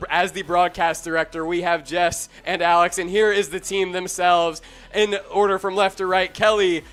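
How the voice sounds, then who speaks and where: A young man casting a college esports final, excitable play-by-play that climbs in pitch during big plays. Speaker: esports caster. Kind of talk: play-by-play commentary.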